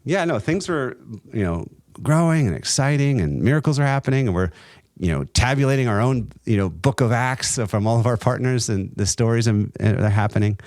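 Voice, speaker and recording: A middle-aged man telling a personal faith story in an interview, earnest and halting, with many restarts. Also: medium pitch, expressive, darkish tone, dry recording, studio quality. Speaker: guest, entrepreneur and nonprofit co-founder.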